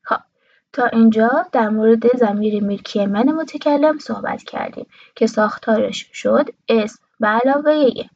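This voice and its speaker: A woman giving a language lesson, saying each word slowly and repeating it twice for the listener. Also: a little high, a little mellow, husky, highs cut off. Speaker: Arabic teacher.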